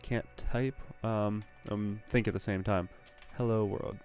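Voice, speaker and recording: A young man hosts a gaming channel, chatting in an upbeat, rambling way over gameplay with a groggy morning voice that sounds a little congested. His voice is fairly low, steady, unhurried and darkish, with faint music behind him.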